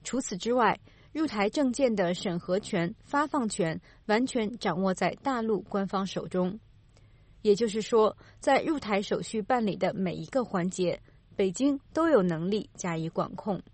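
A woman reading a scripted news report in a measured, formal manner. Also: medium pitch, animated, darkish tone, husky.

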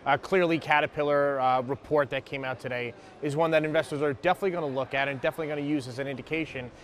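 Fast-talking market analyst. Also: male voice, on the high side, fairly even intonation. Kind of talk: news interview soundbite.

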